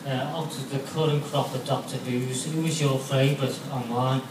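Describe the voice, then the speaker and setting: A man's voice: medium pitch, steady tone, moderate pace. A man in the audience hesitantly asking a question of the panel. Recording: echoey hall, distant mic, noise.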